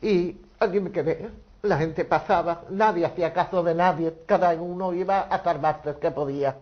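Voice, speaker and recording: An older woman giving a personal testimony, telling her memories slowly and carefully with small restarts. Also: low-pitched. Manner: slow, measured storytelling with small restarts. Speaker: witness recounting memories. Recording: dull lo-fi recording.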